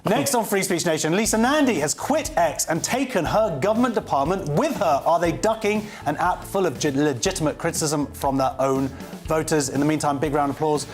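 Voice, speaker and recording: Lively higher-voiced male talk show host. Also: fairly quick, soft background music. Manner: lively, conversational, introduces guests. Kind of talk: studio talk show hosting.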